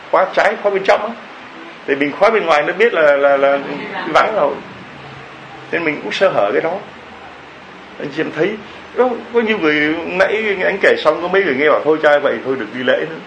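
A man's voice: a little high, lively intonation, brisk, a bit bright, dull audio, a little hiss or hum. A man preaching a homily, telling a story and firing off rhetorical questions to the congregation.

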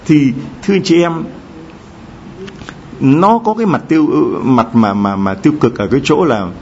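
In this sermon, a middle-aged man speaks at a moderate speed, addressing the congregation with questions and weaving in stories in a lively manner. His voice is mid-pitched for a man. The audio is dull and lo-fi, carrying a faint room hum.

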